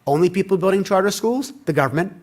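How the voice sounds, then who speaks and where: A middle-aged man giving a conference keynote, telling stories and acting out quoted dialogue in an animated way. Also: high voice, fast. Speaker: keynote speaker. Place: conference hall.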